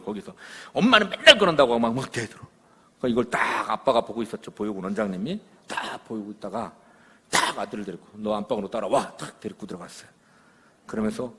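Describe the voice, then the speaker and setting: Animated, husky man lecturing in a church. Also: medium pitch, big-room sound. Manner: animated storytelling, acting out quoted lines, checking with the audience. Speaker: lecturer on parenting. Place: church hall.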